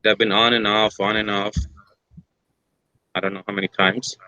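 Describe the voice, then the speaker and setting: A man's voice: on the low side, little pitch movement, normal speed, sharp tone, no echo, dull audio. A middle-aged man from Iraq with an Iraqi accent, asking a hesitant question at a public forum. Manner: hesitant, many filler sounds and restarts. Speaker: audience member asking a question.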